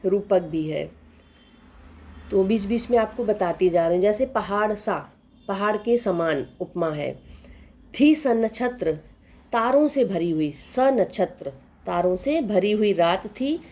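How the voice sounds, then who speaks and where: Slow-paced Hindi teacher, woman. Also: medium pitch, mellow. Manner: recites verse slowly, then explains line by line. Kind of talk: poetry explanation lesson.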